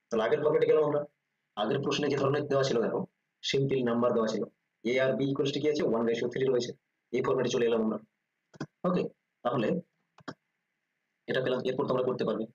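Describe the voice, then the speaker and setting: A man's voice: mid-range voice, steady tone, a little mellow, highs cut off. A man with a Bengali accent teaching an exam-prep math lesson, explaining step by step and often checking that students follow. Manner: quick, repeats "ঠিক আছে?" checks, explains step by step.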